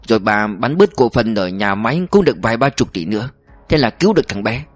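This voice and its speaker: A man's voice: lowish voice, expressive, quick pace, dry recording, soft background music, pitched below the performer's own voice. Male reader as principled older father; resolute, indignant, close to own voice. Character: stern principled older father, proud revolutionary veteran.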